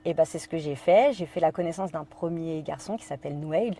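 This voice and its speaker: A woman from France speaks as a podcast guest, recounting a personal story. Her voice sits low and sounds mellow. She hesitates often, fills gaps with fillers and quotes her own thoughts aloud. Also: a little fast.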